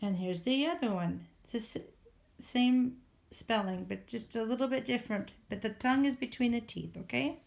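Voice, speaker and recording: A woman teacher giving a phonics lesson to young children, sounding out letters and words with slow, exaggerated speech. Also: a little high, vocal fry, darkish tone.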